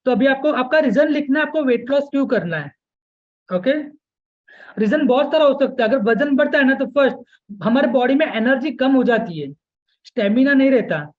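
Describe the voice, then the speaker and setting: A man's voice: very high voice, lively intonation, moderate pace, highs cut off. A man coaching weight loss in a live online webinar, mixing English into his Hindi and checking in with "okay?" again and again. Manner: keeps checking in with listeners, repeating "okay?" and "yes"; mixes English words into Hindi speech.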